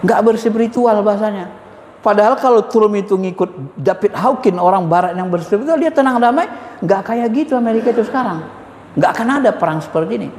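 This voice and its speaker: Animated male preacher in an echoey hall. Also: high-pitched. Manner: animated, emphatic, repeats key words; addresses listeners as "Pak", chuckles. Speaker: Islamic spiritual teacher. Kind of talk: informal religious lecture. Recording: echoey hall with faint ambience.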